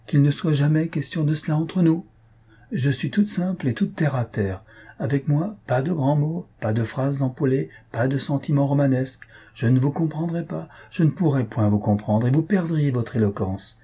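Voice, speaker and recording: A man's voice: a little high, moderate pace, warm tone, breathy edge, pitched above the performer's own voice. A man voicing a witty, mocking young noblewoman who talks in a teasing, proudly plain-spoken way.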